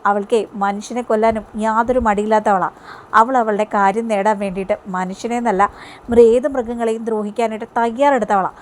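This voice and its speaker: Brief: sharp-tongued indignant mother, read by a woman, soap drama retelling. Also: on the high side, lightly acted. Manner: indignant, scolding.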